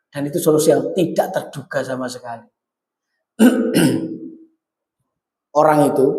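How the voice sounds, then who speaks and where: An East Javanese preacher delivers a lively sermon, his voice pitched high and climbing higher as he exhorts. He slips Javanese phrases into his talk. The recording rings with the long echo of a large hall. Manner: animated, swings high when exhorting, mixes Javanese into Indonesian. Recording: echoey hall, long reverb.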